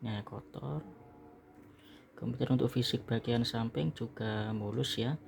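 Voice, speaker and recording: Speaking at a moderate pace with vocal fry and a darkish, mid-range tone, an Indonesian online seller casually explains a product from a small indoor room. He narrates packing and reviewing it, often closing phrases with "ya," against slight background noise.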